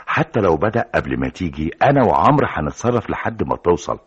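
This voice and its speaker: A calm, persuasive Egyptian engineer. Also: male voice, deep voice, quick pace, breathy edge, full character voice. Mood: planning. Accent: Egyptian Arabic. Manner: soothing, reasonable, takes charge. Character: calm, persuasive male engineer, fatherly senior colleague. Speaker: senior engineer colleague. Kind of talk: 1960s Egyptian radio drama acting. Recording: dull old radio recording with music.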